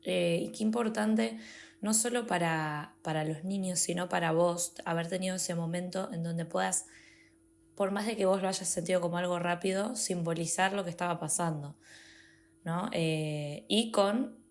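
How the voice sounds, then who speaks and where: A woman, a podcast co-host commenting reflectively and warmly. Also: lowish voice, fairly even intonation, normal speed. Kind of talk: interview commentary.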